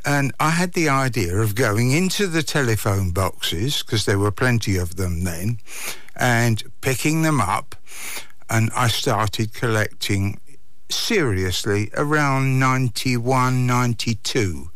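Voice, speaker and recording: A mature Englishman talks as an interview guest, recounting and explaining things conversationally. He speaks slowly and deliberately, in a close, dry recording. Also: medium pitch, fairly bright tone, no room sound. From England.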